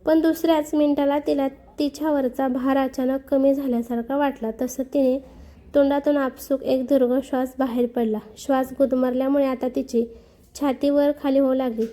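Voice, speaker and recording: Woman, story narration, high voice, soft mellow tone, steady expressive reading. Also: moderate pace. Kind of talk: scripted narration.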